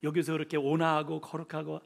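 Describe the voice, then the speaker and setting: A man's voice: on the high side, monotone, fast talker, creaky. A middle-aged man preaching a sermon as pastor, acting out voices and dialogue as he tells the story.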